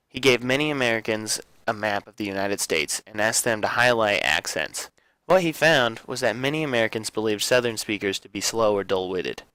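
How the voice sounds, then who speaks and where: A man's voice: lowish voice, fairly bright tone, dry recording, rough recording. A young man presenting a class video essay, reading aloud plainly with small slips and fillers. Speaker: student presenter.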